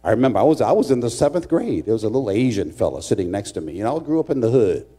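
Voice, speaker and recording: A middle-aged male pastor preaches in church, swinging his pitch widely as he tells a story. He is dramatic and playful, teasing his congregation as he goes. His voice sits at a middling pitch and a faint mains hum runs underneath. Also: very fast, breathy edge. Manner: animated, dramatic, joking with the congregation. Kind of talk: sermon with humorous storytelling. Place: church sanctuary.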